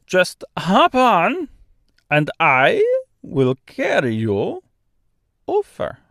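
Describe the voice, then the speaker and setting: An oversized, relentlessly friendly male stork, who drawls every word in a thick, comic mix of Austrian and French accent. His voice rides high and swoops broadly through its slow, stretched lines. It sits close and dry, with no room around it. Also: wildly swooping pitch, creaky, fairly bright tone, no echo, exaggerated voice. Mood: cheerful. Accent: thick mock Austrian and French. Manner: slow, bouncy, exaggerated delivery. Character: huge kind-hearted male stork, cheerful and pushy.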